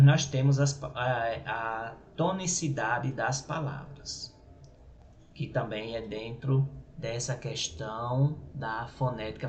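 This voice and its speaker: A male teacher with a Brazilian Portuguese accent giving a grammar lesson, halting and repeating words, often checking with his listeners. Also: mid-range voice. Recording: echoey room with faint noise.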